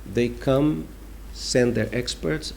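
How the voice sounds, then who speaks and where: A man with a Brazilian accent answering interview questions as a diplomat, explaining deliberately and emphatically with pauses. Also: medium pitch, gravelly, darkish tone, slight background noise. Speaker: ambassador giving an interview.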